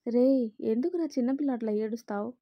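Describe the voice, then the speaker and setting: A woman's voice: a little high, quick pace, lo-fi sound, close to an everyday voice. A woman voicing an older father-in-law who speaks in a stern but fatherly, caring way.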